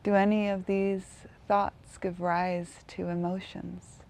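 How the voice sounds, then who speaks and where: A woman guides a meditation gently and without hurry, leaving long pauses between phrases. Her voice is mid-range and level.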